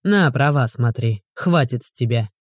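A woman doing a gruff grumbling scruffy man. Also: extremely low pitch, lively intonation, moderate pace, darkish tone, no echo, studio quality, voice pushed down. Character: grumpy scruffy sarcastic grown man. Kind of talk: audiobook character voice.

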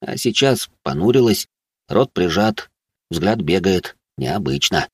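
A man narrating a first-person fantasy audiobook in a low-key, wry way. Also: expressive, slow pace, husky, no room sound, studio quality.

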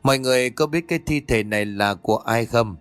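A man voicing a stern older Buddhist exorcist who speaks in a measured, commanding way in a ghost story. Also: mid-range voice, smooth, no echo, soft background music, natural voice. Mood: questioning.

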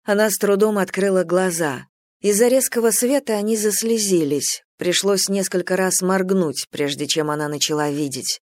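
Measured audiobook narrator, dry sound. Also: mid-range voice, dry recording. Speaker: audiobook reader. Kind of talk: scripted narration.

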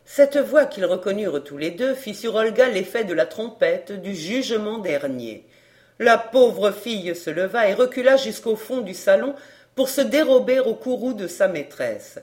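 An audiobook narrator reads a classic crime novel aloud from a script. Her medium-pitched voice keeps a measured, even storytelling tone.

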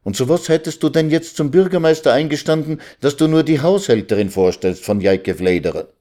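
A man voicing a know-it-all village lawyer, lecturing, condescending, raised pitch. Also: animated, brisk, warm tone, natural voice. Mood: chiding.

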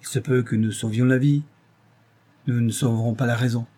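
A man's voice: mid-range voice, steady tone, moderate pace, warm tone, husky, close to an everyday voice. A man reading aloud, voicing an honest but brusque country doctor who delivers bad news bluntly. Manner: blunt, matter-of-fact.

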